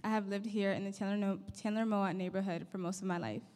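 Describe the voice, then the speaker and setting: A young woman from Somalia, a guest speaker in a church hall, reads an earnest, grateful speech from notes into a handheld mic. Her medium-pitched, darkish voice is steady and fast, and the hall adds long reverb.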